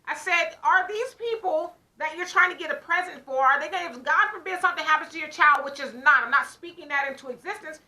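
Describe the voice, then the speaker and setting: A woman with a high-pitched voice talks quickly with few pauses, and the audio quality is poor. She co-hosts a casual talk show and animatedly tells a story, acting out both her own side and the other person's side of the conversation.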